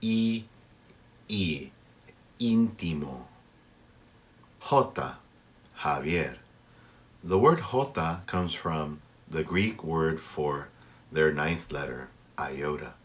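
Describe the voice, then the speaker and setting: A man giving a language pronunciation lesson as a teacher, with measured, instructive delivery and deliberately enunciated example words. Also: extremely low pitch, lively intonation, fairly bright tone.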